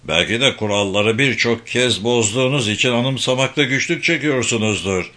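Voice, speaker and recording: A man's voice: medium pitch, moderate pace, bright, forceful tone, close to an everyday voice. A man reading a stern, sarcastic middle-aged male camp colonel who questions coldly in an audiobook.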